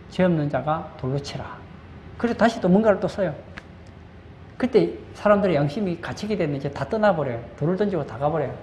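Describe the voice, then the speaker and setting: Preaching in a church sanctuary, this man speaks on the high side with a darkish tone. He asks rhetorical questions and then answers them himself, driving home key phrases through repetition, while the room echoes over a faint background hum.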